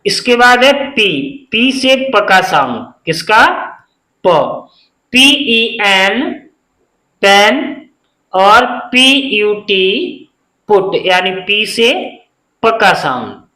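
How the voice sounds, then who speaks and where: A man's voice: high-pitched, very animated, takes it slowly, pushed and bright, roomy sound, poor audio. A man teaching a beginners' phonics lesson, spelling words letter by letter and answering his own questions.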